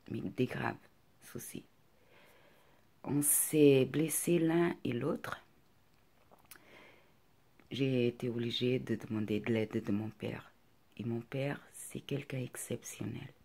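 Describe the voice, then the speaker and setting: A middle-aged woman with a non-native French accent, speaking softly and hesitantly in a confiding personal vlog, often close to a whisper. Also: a bass voice, gravelly, slightly rough.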